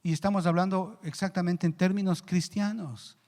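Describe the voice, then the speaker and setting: A male pastor preaching a sermon earnestly, rising in pitch and volume for emphasis and slowing down on key words. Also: fairly even intonation, a little mellow. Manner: slows down to stress key words. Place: church hall. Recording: long church reverb.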